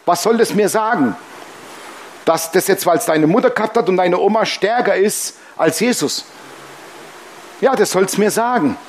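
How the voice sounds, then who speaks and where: A man's voice: sits high, normal speed, long pauses, slight background noise. A man preaching a sermon as pastor, emphatic and humorous, often calling out "Amen".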